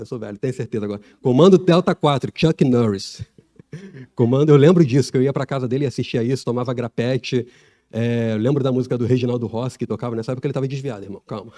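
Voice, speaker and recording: A middle-aged man, preaching a sermon in a church in a relaxed, conversational way, with laughs and asides. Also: mid-range voice.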